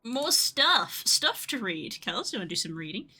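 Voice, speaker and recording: A woman's voice: a little high, very animated, normal speed, sharp tone, slightly rough. A woman chatting casually as she streams a game, telling stories and acting out quoted dialogue. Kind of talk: casual chat while playing.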